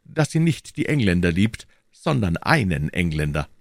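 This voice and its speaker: Brief: bold, earnest young swordsman, male reader's own voice, low and dry. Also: very animated, moderate pace, vocal fry, dry recording, exaggerated voice. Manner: earnest, impassioned.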